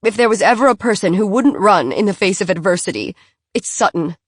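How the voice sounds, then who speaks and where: In a clean, dry studio recording, a woman with a medium-pitched, expressive, everyday-sounding voice reads an audiobook at a brisk clip. She voices a high-strung, genteel francophile mother who is fussy, prim, gushing and insistent.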